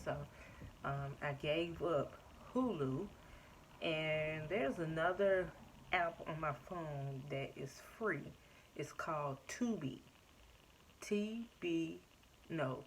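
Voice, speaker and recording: A woman in her thirties giving a casual, chatty update to her viewers, filling pauses with "um" and "like" and calling them "y'all". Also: deep voice, slight background noise, rough recording. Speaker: vlogger. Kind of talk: casual personal update to camera. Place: home.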